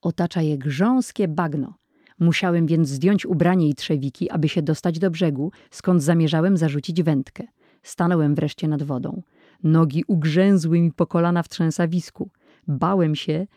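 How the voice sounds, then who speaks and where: A narrator voicing a proud, excited young boy telling how he caught fish, in an audiobook. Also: mid-range voice, no echo, lightly acted. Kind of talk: audiobook character voice.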